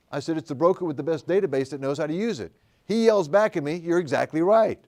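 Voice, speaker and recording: An older man runs a live training seminar with a slightly raised pitch. He tells folksy stories and keeps tossing questions to the audience. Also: darkish tone. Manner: folksy, storytelling, asks the room questions. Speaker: commercial real estate trainer.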